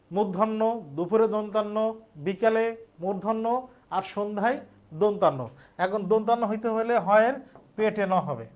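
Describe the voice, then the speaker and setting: High-voiced teacher. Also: male voice. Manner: explains step by step, asks and answers own questions. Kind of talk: spelling lesson.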